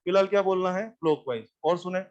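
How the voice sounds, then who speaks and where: A man teaching physics to a class, animated and often repeating questions back to students. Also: high-pitched, fast talker, muffled recording. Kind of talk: classroom lecture.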